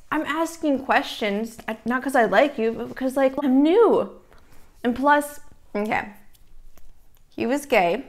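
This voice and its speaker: Woman chatting casually while chewing. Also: fairly high pitch. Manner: chewing while talking, savoring hums between phrases. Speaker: mukbang host. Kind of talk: casual eating-show storytelling chat.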